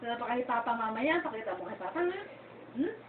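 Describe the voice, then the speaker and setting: High, lively mother cooing baby talk. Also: brisk, roomy sound, far from the mic, a crowd in the background. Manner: cooing, coaxing, laughing often. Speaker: mother coaxing her baby to stand. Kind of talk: sing-song baby talk. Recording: tinny, noisy lo-fi home video, voice from across the room.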